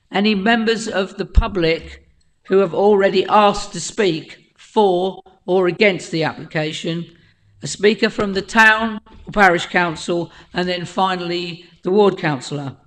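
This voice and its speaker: A woman with a croaky voice chairing a council planning committee, politely reading out procedures and names. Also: lowish voice, a bit bright, poor audio. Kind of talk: formal meeting procedure. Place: council chamber.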